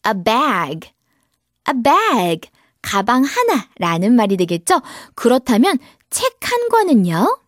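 A woman teaching a children's English lesson, her voice bright and lively, swooping up and down as she coaxes the kids along. She lingers over words at an unhurried pace so they can repeat after her. The sound is dry and close. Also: fairly high pitch, no room sound. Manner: animated, coaxing, drills words slowly for repetition.

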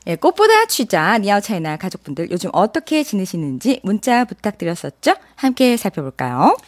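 A woman co-hosting a radio show as a Chinese language teacher, speaking warmly and modeling pronunciation. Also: medium pitch, very animated, a little fast, dry recording. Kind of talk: radio chat and language lesson.

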